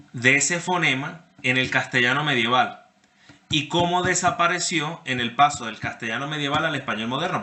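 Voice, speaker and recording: A man's voice: fairly high pitch, pushed and bright, roomy sound. A man teaching a university class online, explaining step by step and often checking that students follow. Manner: explanatory, checks understanding with frequent "¿sí?"; addresses students by name. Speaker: university lecturer.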